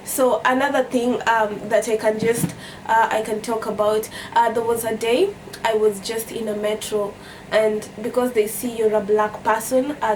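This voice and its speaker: Telling a story casually to the camera, a young adult vlogger from Kenya speaks with a Kenyan accent and often repeats phrases to stress them. Her voice is a little high with a darkish tone. Background noise comes through the distant microphone.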